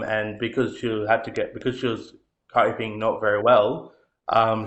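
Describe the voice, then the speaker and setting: A man's voice: lowish voice, fairly bright tone, dull audio. An Australian man in his late twenties, a podcast guest telling his life story earnestly, with many hesitant ums. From Tasmania, Australia. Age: late 20s. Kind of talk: personal storytelling.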